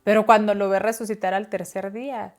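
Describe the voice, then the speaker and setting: A woman's voice: medium pitch, steady tone, brisk. A woman co-hosting a casual Bible discussion, reading verses aloud and explaining them. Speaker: Bible study co-host.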